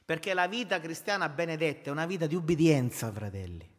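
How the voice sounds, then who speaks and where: A man's voice: a little high, animated, quick pace, long reverb tail. A man preaching a sermon, emphatic and repetitive, calling his listeners brothers. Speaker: pastor.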